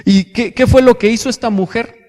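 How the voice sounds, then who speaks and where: A man with a Mexican accent preaching a sermon in a church, asking his congregation rhetorical questions and pausing on fillers as he goes. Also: extremely high pitch, fairly even intonation, a little mellow, long reverb tail. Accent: Mexican Spanish. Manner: addresses congregation as brothers, asks rhetorical questions; hesitant fillers and restarts. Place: church hall.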